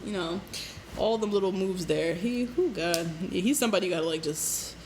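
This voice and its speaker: Podcast co-host, woman, casual and chatty, quick to laugh, light room hiss. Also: on the low side, animated, a little mellow, poor audio. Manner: chatty, laughs often, lots of fillers. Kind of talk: casual chat recapping a reality show.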